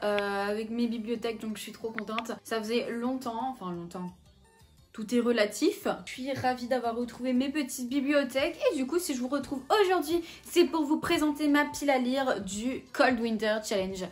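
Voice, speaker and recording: A woman's voice: on the high side, moderate pace, soft background music. A young woman with a French accent, chatting casually at home about the books she plans to read, with many fillers and self-corrections. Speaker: book vlogger. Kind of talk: casual chat. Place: at home in front of her bookshelves.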